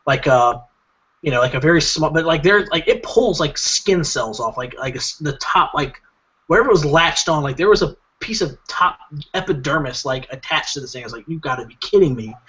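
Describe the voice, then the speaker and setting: A man's voice: a little high, brisk, breathy edge, highs cut off. A man telling a long story on a casual comedy podcast, rambling with lots of fillers. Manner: rambling, filler-heavy, animated retelling. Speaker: podcast co-host.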